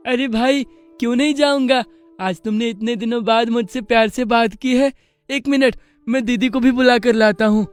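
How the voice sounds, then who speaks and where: A man's voice: very high voice, normal speed, faint music behind. A man voicing a cheerful, trusting little boy calf in a cartoon story. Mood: eager. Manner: eager and friendly.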